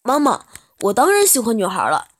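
A woman voicing a shy, stammering eighteen-year-old boy in a storybook reading, with a husky voice. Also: fairly high pitch, very animated, normal speed, a little mellow. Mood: nervous, pleading. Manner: stammering, nervous.

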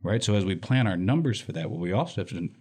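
A man's voice: low voice, lively intonation, fast talker, a little mellow, breathy edge. A man from Michigan, a nonprofit director answering interview questions in an earnest, emphatic way and often tagging his points with "right?". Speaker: nonprofit executive director, guest.

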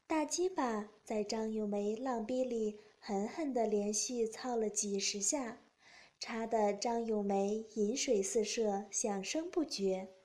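A woman narrating an erotic audiobook at a steady, even reading pace. Her voice sits high for a woman. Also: takes it slowly.

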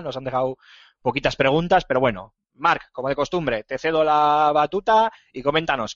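A podcast host from Bilbao who chats in a loose, teasing way. His voice sits somewhat high. The recording is dry and a little dull. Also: a bit bright, no room sound. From Bilbao, Spain. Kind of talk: casual podcast chat.

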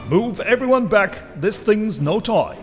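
Man doing a loud strained pilot voice, short barked lines, kinda high. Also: expressive, measured pace, soft background music. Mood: tense. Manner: clipped, shouted orders. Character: tough male rescue pilot, clipped and tense.

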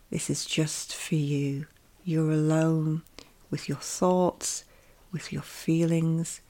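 A woman leading a guided meditation with calm, gentle instructions, her soft voice often drifting into a whisper. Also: fairly low pitch, vocal fry.

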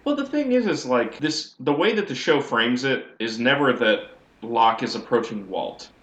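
A man's voice: mid-range voice, very animated, normal speed, fairly bright tone, lo-fi sound. A man co-hosting a podcast, giving a wry, rambling recap of a TV episode in casual chat. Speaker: podcast co-host. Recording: echoey audio, as if in a sewer.

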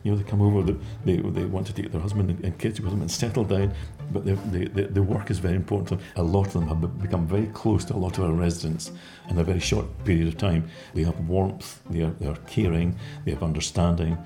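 A man from Scotland speaks in a low, mellow voice as he answers interview questions. He is reflective and often repeats a word while he gathers his thoughts. Faint music plays behind him. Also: steady tone, quick pace, hardly any pauses.

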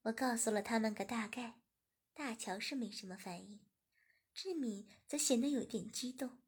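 High, husky woman reading a story. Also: moderate pace. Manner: plain, steady storytelling. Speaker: narrator.

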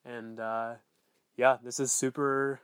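A man's voice: medium pitch, little pitch movement, takes it slowly, a bit bright, clean tone, no echo, clean studio sound. A man hosting a solo podcast, recorded as a voice memo on a phone recorder app, talking in a rambling, self-assured way with lots of filler words and swearing. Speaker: podcast host.

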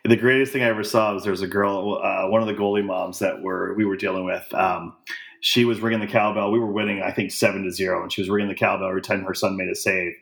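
A man co-hosting a casual talk show, telling a lively anecdote and laughing easily. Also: sits low, fast, creaky. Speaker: co-host.

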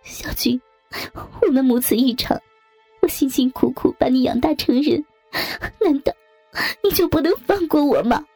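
A woman voicing a desperate middle-aged mother in an audio story, crying out in a high, tearful voice. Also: animated, normal speed, dark tone, no room sound, soft background music. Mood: pleading.

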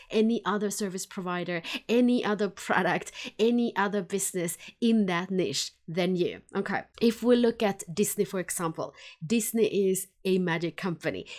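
A woman's voice: medium pitch, darkish tone. A woman, hosting a casual solo podcast from home, chatty and laughing lightly between phrases. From Finland. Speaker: podcast host.

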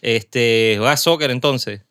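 A man's voice: mid-range voice, slow pace, fairly bright tone, clean tone, no room sound. A Puerto Rican man hosting a podcast in a small studio, chatting casually and drifting into asides. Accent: Puerto Rican Spanish. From Puerto Rico. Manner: chatty, laughs often, trails into asides. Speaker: podcast host. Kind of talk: casual interview chat.

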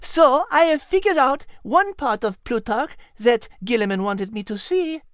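Man putting on a high, lilting French voice for a sharp, warm-hearted little animal girl in a storybook, swooping up and down as she puzzles things out. It is dry and close, with no room around it. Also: animated, smooth, no echo, full character voice. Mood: excited. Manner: marveling, quick to piece things together. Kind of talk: storybook character voice.

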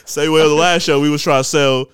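A man's voice: a little high, steady tone, fast talker, noisy background. A man in his thirties co-hosting a podcast, talking casually in a laid-back, wry way. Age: 30s. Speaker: podcast co-host. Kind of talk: casual chat.

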